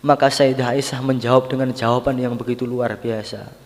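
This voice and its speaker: A man preaches, telling stories and driving his points home with repeated words. His voice sits at a middle pitch and swells from soft passages into loud, fervent outbursts. A long reverberation trails behind him, as if in a large hall. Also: little pitch movement, brisk. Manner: dramatic, rising to loud, emphatic peaks with repeated phrases. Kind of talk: sermon storytelling.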